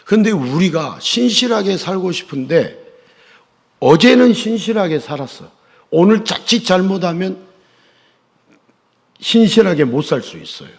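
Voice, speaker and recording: A man preaching in a church sanctuary, his voice on the higher side and lively in pitch. He keeps asking the congregation questions and demanding answers, rising loud one moment and dropping hushed the next. Long reverb trails after his words. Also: measured pace, gravelly, pauses often. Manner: call-and-response questioning of the congregation; emphatic, swings from loud to hushed. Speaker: pastor. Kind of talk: sermon.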